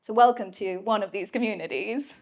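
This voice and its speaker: A woman's voice: mid-range voice, fairly quick, darkish tone. A woman giving an inspirational talk to a live audience at a mentoring event, playful and emphatic, with casual swearing. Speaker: speaker at a mentoring community event.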